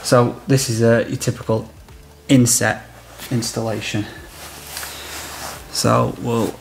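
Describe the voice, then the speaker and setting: This electrician, a man in his thirties, talks slowly in a level, gravelly mid-range voice, with a little hiss or hum on the recording. He demonstrates a product on site in a small room of a house, practically explaining each step.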